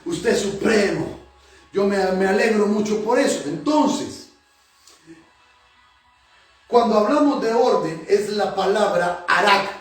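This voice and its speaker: A man's voice: sits high, expressive, slow pace, pauses often, soft background music. A male pastor preaching a sermon to his congregation, emphatic, repeating phrases for effect. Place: church hall. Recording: very echoey church hall, mic at a distance.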